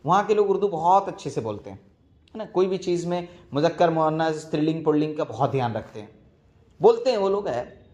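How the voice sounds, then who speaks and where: A man's voice: on the high side, a little mellow. A man from Bihar with a Bihari accent, teaching a class in chatty, joking style, telling stories and checking that students follow. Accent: Bihari Hindi. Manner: joking, storytelling, asks students if they follow. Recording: muffled lo-fi recording.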